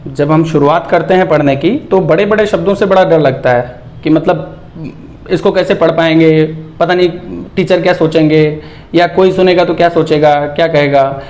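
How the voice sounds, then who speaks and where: A man teaching English reading as a lesson, breaking words into sounds and repeating syllables slowly and patiently. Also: fairly high pitch, darkish tone. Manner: patient, checks in with "okay?". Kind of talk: explanatory lesson.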